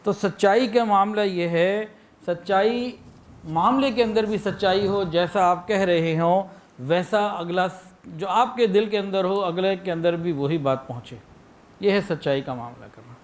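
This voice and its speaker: A man with a Pakistani Urdu accent delivering a sermon, illustrating his points with anecdotes and acted-out phrases. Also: high-pitched. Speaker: preacher.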